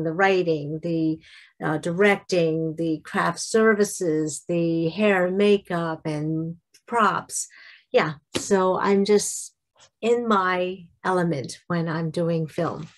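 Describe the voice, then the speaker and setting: Slow-talking middle-aged woman. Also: mid-range voice. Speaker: vlogger giving a devotional. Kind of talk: casual talk to camera with devotional reading.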